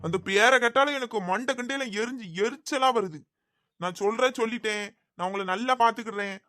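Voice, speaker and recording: A man's voice: very high-pitched, brisk, bright, forceful tone, faint music behind. A man voicing a possessive, scheming young groom in a cartoon, with a Thoothukudi Tamil accent and an insistent way of talking. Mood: coaxing. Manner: pleading then menacing, insistent. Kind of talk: cartoon voice acting.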